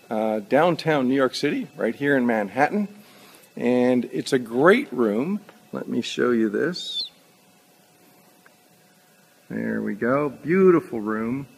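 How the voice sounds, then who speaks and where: A man's voice: mid-range voice, creaky, in a large hall. A man in his forties, a performer and instructor, giving an informal walkthrough to a handheld camera inside an empty theater. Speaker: stage hypnosis instructor and performer. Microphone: handheld camera at arm's length. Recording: noticeable background noise.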